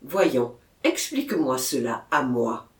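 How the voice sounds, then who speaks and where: A reader voicing a worried village mayor who coaxes a confession gently, in a storybook reading with a roomy echo. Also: mid-range voice, sing-song, slow, pitched below the performer's own voice. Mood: coaxing. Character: kindly, worried village mayor, older man.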